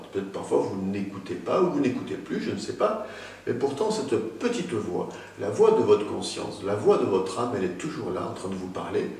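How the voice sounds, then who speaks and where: A man giving a spoken talk on spirituality, addressing the listener directly with emphatic rises and pauses. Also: mid-range voice, darkish tone. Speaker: spiritual teacher. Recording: very echoey room, mic at a distance.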